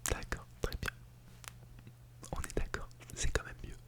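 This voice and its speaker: Whispering softly with unvoiced breathiness at a measured pace, an ASMR artist role-plays a teacher at an ASMR school, giving a lightly playful lesson. The sound is captured close on a Blue Yeti microphone set to binaural mode.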